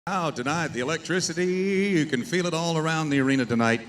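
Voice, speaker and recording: A man gives live rodeo commentary as the arena announcer. His voice sits a little high for a man and comes over a PA with faint noise behind it. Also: fast talker, fairly bright tone.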